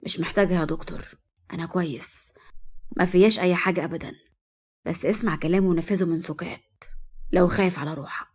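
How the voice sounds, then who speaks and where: Woman playing a commanding Egyptian young man in a storybook drama, quiet and threatening. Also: fairly even intonation, quick pace, long pauses. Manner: low, hushed, threatening.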